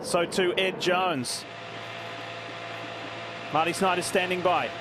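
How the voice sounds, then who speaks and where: High-pitched male race commentator, engines roaring. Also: fairly even intonation, slow pace. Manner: dramatic, urgent play-by-play. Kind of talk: live motorsport commentary. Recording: loud engine roar behind. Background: race cars and track noise.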